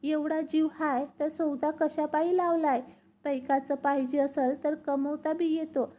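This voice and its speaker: A woman voicing a hot-tempered young village man who scolds in loud rural speech. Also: high-pitched, level tone, a little slow. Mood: angry.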